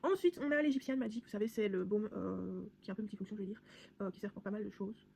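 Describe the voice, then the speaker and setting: Young woman vlogger, fast-talking and chatty, faint room noise behind. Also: medium pitch, creaky, a little mellow. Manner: chatty, rambling, many fillers and restarts. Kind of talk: casual product haul vlog.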